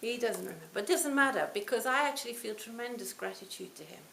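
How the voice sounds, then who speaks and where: Speaking fast in a slightly high, creaky voice, a Buddhist teacher in her sixties offers a reflective talk in a retreat hall. Her storytelling is warm, with phrase endings that trail off softly, and the roomy space leaves a faint hiss on the recording.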